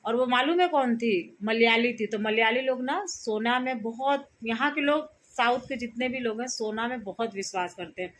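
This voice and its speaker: Woman vlogger, 30s, rambling casual storyteller, slightly high pitch. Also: moderate pace, few pauses, a bit bright, slight background noise. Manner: chatty, rambling, frequent fillers and restarts.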